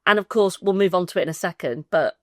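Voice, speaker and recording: English woman podcast co-host, low-pitched, rambling and giggly, dry slightly rough recording. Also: quick pace, no room sound. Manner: chatty, giggly, trails off mid-sentence. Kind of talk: casual football chat.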